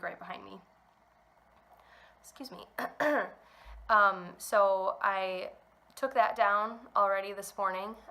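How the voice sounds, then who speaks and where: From her home, a young woman with a sharp-toned, mid-range voice hosts a knitting podcast. Still a bit stuffed up from a cold, she chats to camera in a rambling way, saying um a lot.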